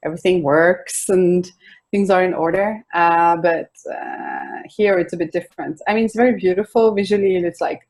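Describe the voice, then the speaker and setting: A woman's voice: lowish voice, normal speed. A young woman with a Swedish accent, a singer-songwriter guest chatting casually in an interview over a video call. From Sweden. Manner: relaxed and chatty, with soft laughs and restarts. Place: home in a city apartment.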